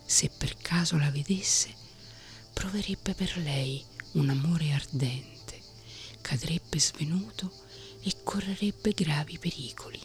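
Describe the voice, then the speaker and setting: A woman's voice: low-pitched, soft background music. A woman whispering as a dying old king, whispered role-play. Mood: anxious. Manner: soft, slow whispering.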